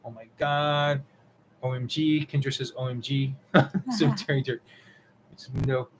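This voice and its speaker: A young man in a casual live stream Q&A, reading out viewer messages one after another. His voice sits at an ordinary middle pitch, and he rambles with plenty of ums. A faint hiss runs under it. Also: steady tone, measured pace, poor audio. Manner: rambling, reads chat messages aloud, many ums. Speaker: co-host of a witchcraft live stream.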